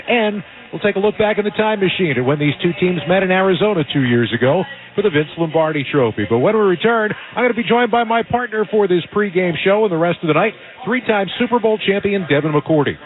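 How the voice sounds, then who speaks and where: Male play-by-play radio announcer, polished and upbeat, slightly high voice, thin radio audio. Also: fairly quick, soft background music. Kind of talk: radio sports broadcast. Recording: phone-like band-limited radio audio.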